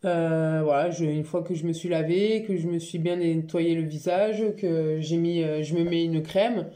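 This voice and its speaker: A woman talking casually and frankly in a home haul vlog, chatty and quick to laugh. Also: deep voice, steady tone, warm tone. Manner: chatty, frank, laughs easily, many fillers. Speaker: beauty vlogger. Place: home living room by a Christmas tree.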